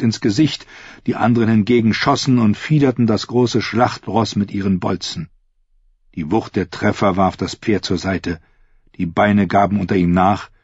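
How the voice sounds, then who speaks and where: Low husky guy reading a story, steady, dry sound. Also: dry recording. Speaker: audiobook narrator. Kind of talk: scripted narration. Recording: slightly dull lo-fi recording.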